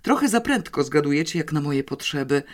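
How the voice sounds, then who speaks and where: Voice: medium pitch, big pitch swings, fairly quick, natural voice. An audiobook narrator voicing a patient, wry adult police captain who coaxes the children along. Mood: coaxing. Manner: coaxing, slightly mysterious. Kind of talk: audiobook character reading.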